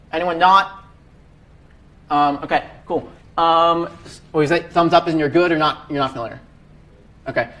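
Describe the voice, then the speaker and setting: A young man with a high voice leads a casual live coding lesson in a classroom. He talks loosely, stacking fillers and restarting his sentences as he goes. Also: fairly bright tone. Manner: casual, many fillers and self-corrections. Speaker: workshop instructor.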